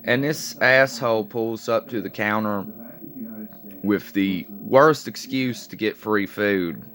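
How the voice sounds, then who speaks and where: Deep-voiced man, rambling profane story. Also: slow pace, a bit bright, faint music behind. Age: late 20s. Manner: rambling, profane, full of fillers. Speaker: vlogger telling a personal story. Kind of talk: casual spoken storytelling. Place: sitting at home with coffee and a cigarette.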